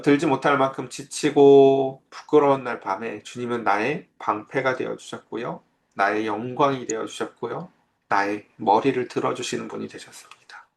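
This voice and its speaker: A man's voice: mid-range voice, creaky. A man preaching a sermon as pastor, in a conversational way that keeps asking his listeners questions.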